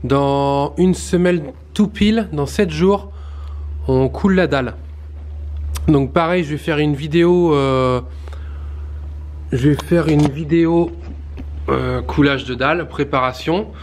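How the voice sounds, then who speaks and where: A man in his thirties, a renovation vlogger, films a casual walkthrough of his work in a stone-walled basement indoors, explaining as he goes with many fillers and restarts. He holds the camera close to his face and speaks slowly with long pauses in a fairly high, slightly mellow voice.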